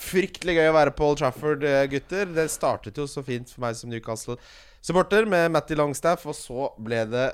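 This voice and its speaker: A man hosts a casual fantasy football podcast with a slightly high voice. He teases his co-hosts and launches into excitable stories. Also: smooth. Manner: teasing, storytelling, excitable. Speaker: podcast host.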